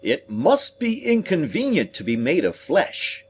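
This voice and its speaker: A man's voice: on the high side, huge pitch swings, a little slow, slightly rough, voice pushed up, heavily acted. A man reading an audiobook, voicing a thoughtful, patient scarecrow. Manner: musing, thoughtful delivery.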